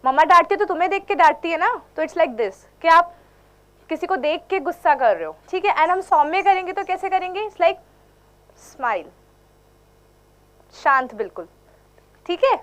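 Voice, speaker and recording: A woman's voice: very high voice, expressive, fairly quick, hardly any pauses. A young woman teaching a dance class to children, mixing Hindi and English and coaxing them with questions. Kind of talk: teaching children in an online workshop.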